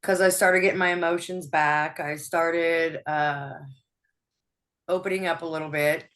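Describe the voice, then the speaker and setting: A woman with a low, deep-set voice speaks as an interview guest. She talks openly and haltingly, restarting her sentences and laughing often as she goes. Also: steady tone. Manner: open, laughs often, soft-spoken with frequent restarts. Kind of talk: personal interview.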